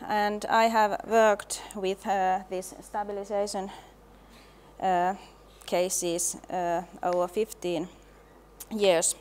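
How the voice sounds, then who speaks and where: A middle-aged woman giving a conference presentation in a measured way, pausing often to hesitate. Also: medium pitch, little pitch movement, a little mellow, a little hiss or hum. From Finland. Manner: slow, measured, with frequent hesitations. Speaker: laboratory and design specialist, presenter.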